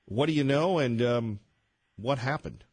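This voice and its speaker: A man's voice: mid-range voice, measured pace, darkish tone, slightly rough, no room sound. A man hosting a radio talk show, conversational and direct, in a studio. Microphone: studio mic.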